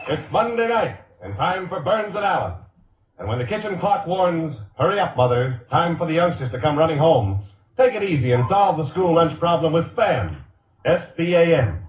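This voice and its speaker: An American radio commercial announcer reads 1940s advertising copy with upbeat, emphatic salesmanship in an expressive, higher-leaning voice at normal speed. He's picked up from a distance, and the vintage recording is boxy, echoey, and narrow-band.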